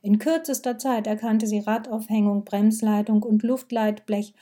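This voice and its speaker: A woman narrating a story in a calm, measured read that sometimes sinks to a whisper. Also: mid-range voice. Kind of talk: scripted narration.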